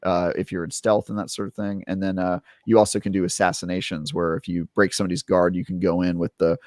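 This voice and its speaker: A man's voice: low voice, quick pace, no echo, studio quality. A young adult man on a casual gaming podcast, telling a long story with lots of fillers and restarts. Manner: rambling, filler-heavy, animated retelling. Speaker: podcast co-host, game reviewer.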